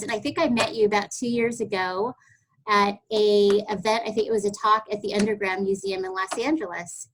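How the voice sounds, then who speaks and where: A woman hosting an online artist webinar over a video call, introducing her guest effusively with many pauses and fillers. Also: mid-range voice, a bit bright, a little hiss or hum, poor audio. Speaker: host of online workshop. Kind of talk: webinar interview.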